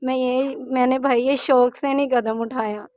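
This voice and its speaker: Woman, pleading and distressed, highish voice, muffled dry recording. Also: fairly even intonation, crowd noise. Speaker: interviewee, mother. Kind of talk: emotional personal account.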